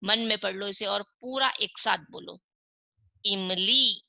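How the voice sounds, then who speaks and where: A woman's voice: medium pitch, takes it slowly, creaky, pushed and bright, dry recording, low-quality recording. A woman teaching young children in an online class, reading words syllable by syllable and asking and answering her own questions. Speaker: primary school Hindi teacher.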